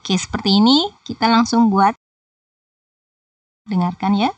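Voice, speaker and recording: A woman's voice: mid-range voice, measured pace, no echo, recorded from a distance. A woman teaching Japanese in a patient, explanatory tutorial voice-over that talks straight to viewers. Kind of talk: screen-recorded tutorial explanation.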